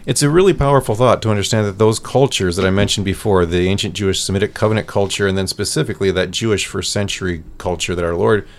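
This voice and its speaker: The priest from central Iowa talks fast in a lowish voice, barely pausing at all. As a guest in a radio studio podcast conversation, he explains with earnest intent and often starts over.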